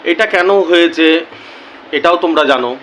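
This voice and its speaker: A man talking earnestly to his viewers as a YouTuber, slow and deliberate, often repeating key words for emphasis. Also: on the high side, a bit bright, a little hiss or hum, rough recording. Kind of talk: earnest casual talk to camera.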